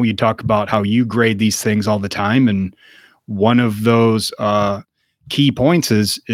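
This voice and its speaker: A man co-hosting a casual podcast, talking in a wry, relaxed, joking way. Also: on the low side, no echo, studio quality. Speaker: podcast co-host. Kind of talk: casual podcast review chat.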